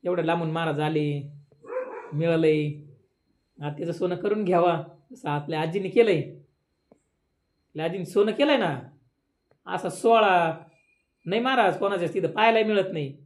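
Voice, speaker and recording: A man's voice: high voice, normal speed, pauses often. A man, giving a devotional sermon at a village memorial gathering, talking conversationally and rising into emphatic questions. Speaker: kirtan preacher.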